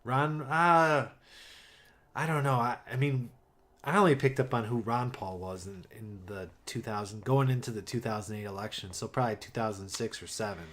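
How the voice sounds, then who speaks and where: A man's voice: mid-range voice, normal speed, a bit bright. A man co-hosting a podcast, chatting about politics in a wry, teasing way and hedging with 'I mean'. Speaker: podcast co-host. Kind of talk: casual political chat.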